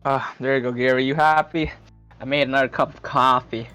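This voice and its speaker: A man's voice: medium pitch, steady tone, brisk, pushed and bright, smooth, faint music behind. A man hosting a live stream, chatting casually and playfully into his microphone and often laughing. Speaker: streamer host.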